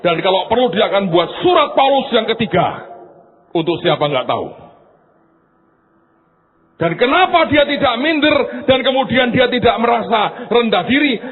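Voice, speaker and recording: Animated Indonesian pastor, tinny sound. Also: male voice. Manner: animated, mimics gossiping women in high voices. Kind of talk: sermon with storytelling. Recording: tinny phone-like sound with faint noise.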